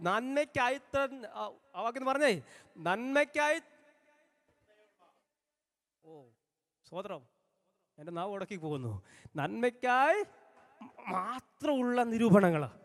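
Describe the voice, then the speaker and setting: A man preaching a sermon as pastor in a church hall, with fervent, repetitive call-and-response lines that build to shouts. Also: very high-pitched. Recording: long hall reverb.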